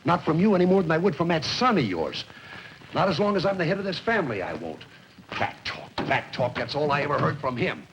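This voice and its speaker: A man's voice: a little high, big pitch swings, quick pace, fairly bright tone, a little hiss or hum, poor audio. An actor playing a domineering middle-aged husband and father who talks harshly in a 1950s television drama. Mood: angry.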